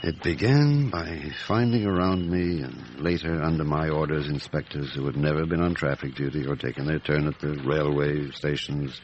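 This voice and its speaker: An actor playing a veteran police chief inspector in a radio drama, reflective, wry and understated. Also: male voice, a bass voice, moderate pace, hardly any pauses, muffled recording, slight background noise. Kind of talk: radio drama acting with inner monologue.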